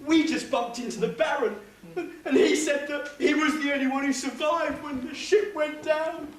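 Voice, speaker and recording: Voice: sits high, fairly even intonation, moderate pace, slight background noise, close to an everyday voice. An actor playing a melodramatic, lamenting mother figure in a broad stage pantomime. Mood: wailing. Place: theatre stage during a live amateur show. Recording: echoey stage, distant microphone.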